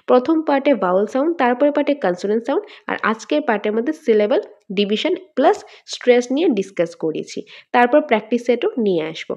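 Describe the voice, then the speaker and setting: A woman teacher with a Tripura Bengali accent giving an exam-prep lesson, asking questions and answering them herself and drawing words out slowly to show their syllables. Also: on the high side, a little mellow. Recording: dull lo-fi sound.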